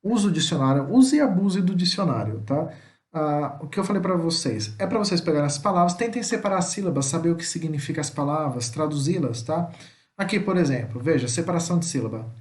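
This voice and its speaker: A Brazilian man teaching Spanish vocabulary to students. He speaks Portuguese, repeats each word slowly and keeps checking in with "tá?". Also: on the high side, expressive, echoey room. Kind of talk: recorded vocabulary lesson.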